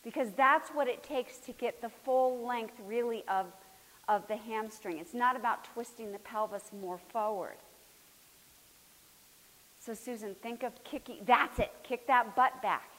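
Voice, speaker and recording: A woman's voice: on the high side, measured pace, fairly bright tone. Woman coaching a floor movement class. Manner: coaching, encouraging, calls students by name; drops to a near whisper at times. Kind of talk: live class instruction. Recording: hissy recording in a reverberant hall.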